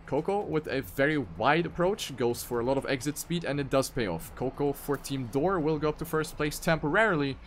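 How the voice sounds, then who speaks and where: An esports caster calls an online racing game tournament live, his excitable play-by-play jumping up sharply on crashes and mistakes. His voice is mid-range, with a slight background noise.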